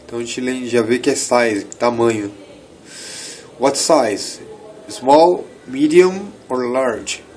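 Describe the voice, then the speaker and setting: Man, 30s, from Brazil, casual English teacher, quick asides, slow reading of examples, mid pitch, faint background hiss. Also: darkish tone, rough recording. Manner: explains in quick asides, slows down to read English. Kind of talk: casual bilingual language lesson.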